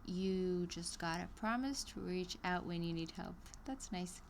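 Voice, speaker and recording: Live streaming a read-through of an online course, a woman talks a little slowly in a lowish voice, with slight background noise. Her delivery is hesitant, peppered with ums and restarts, and she adds chatty asides and small laughs.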